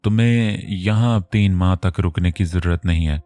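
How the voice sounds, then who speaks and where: A man narrating an audio novel voices a composed young male boss who speaks calmly and curtly. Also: sits low, moderate pace, soft background music, lightly acted. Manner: calm, curt.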